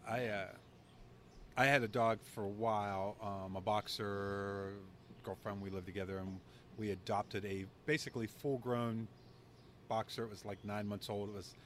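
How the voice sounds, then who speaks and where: A man's voice: on the low side, fairly even intonation, moderate pace, fairly bright tone, a little hiss or hum. A man hosting a podcast, chatting candidly and laughing easily in an outdoor courtyard. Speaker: podcast host. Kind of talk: casual conversation.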